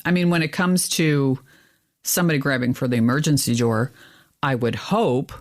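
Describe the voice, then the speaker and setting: Woman, podcast co-host, casual and animated storyteller. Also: moderate pace. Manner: animated storyteller, rises in pitch when exasperated. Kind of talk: casual chat.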